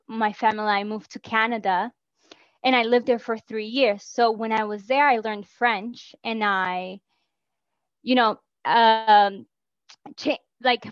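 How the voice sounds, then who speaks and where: A woman's voice: fairly high pitch, fairly even intonation, measured pace, dry recording, lo-fi sound. A Spanish-native woman from Peru, a guest in an interview, speaking earnestly and reflectively over a video call with many "like" fillers. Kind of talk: casual interview talk.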